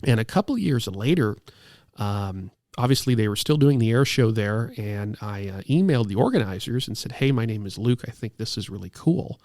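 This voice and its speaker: A man's voice: on the low side, animated, normal speed, a little mellow, dry recording, clean studio sound. A man in his thirties, an air show announcer, telling stories enthusiastically in a casual interview. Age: 30s.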